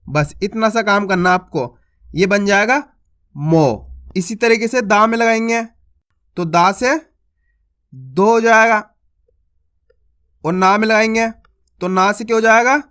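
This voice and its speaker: High-voiced man teaching Hindi syllables. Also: bright, forceful tone, clear, resonant tone. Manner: slow, drawn-out syllables, asks and answers his own questions. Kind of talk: teaching children to read.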